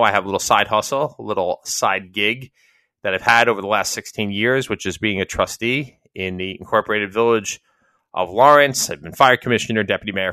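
An American man in middle age delivers an informal solo commentary in a bright, forward voice. He wanders reflectively from point to point, leaning on repeated phrases for emphasis. The sound is dry, with hardly any room to it. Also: on the low side, dry recording. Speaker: host.

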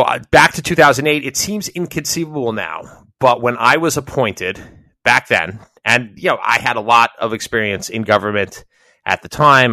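A man's voice: medium pitch, pushed and bright, no echo. A middle-aged American man giving informal, discursive commentary and reminiscence, reflective and emphatic in his repeated phrasing. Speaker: host.

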